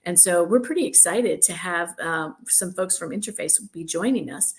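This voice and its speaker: A woman's voice: fairly low pitch, moderate pace. A woman co-hosting an interview over a video call, reflecting on the story and promoting her event with enthusiasm. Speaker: co-host. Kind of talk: casual interview chat.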